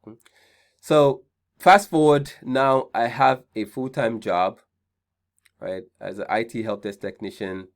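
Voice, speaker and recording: A man's voice: mid-range voice, slow pace. Nigerian man hosting an online seminar. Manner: conversational, repeats key points, frequent "right?" check-ins. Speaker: seminar host. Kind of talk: online career seminar talk.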